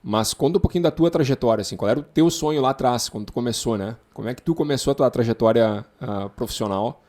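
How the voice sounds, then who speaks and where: A man's voice: mid-range voice, fast talker, darkish tone. A man with a southern Brazilian accent from Porto Alegre, hosting a casual interview podcast. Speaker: podcast host.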